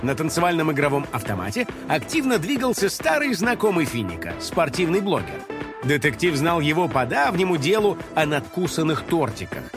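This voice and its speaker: A man narrating a children's audiobook in an expressive, playful way. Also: fairly high pitch, fairly quick, music in the background.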